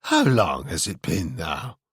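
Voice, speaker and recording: An oily, unstable man who mocks with sly condescension, as a male audiobook reader puts him on. His voice sits low and rolls through a lively, swooping melody. The read is dry and close. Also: slow, slightly rough, no echo, exaggerated voice. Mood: condescending. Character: oily, mocking, unstable middle-aged man.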